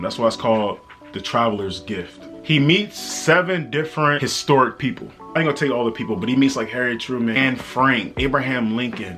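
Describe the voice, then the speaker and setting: An American man with a medium-pitched, slightly bright voice vlogs to camera about a book. His talk is casual and motivational, earnest yet slangy and conversational, as if chatting directly with viewers.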